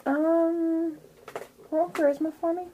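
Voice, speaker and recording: Woman, game master, high voice, relaxed rulings, faint hiss. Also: slow, phone-quality sound. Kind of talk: narrating a tabletop game.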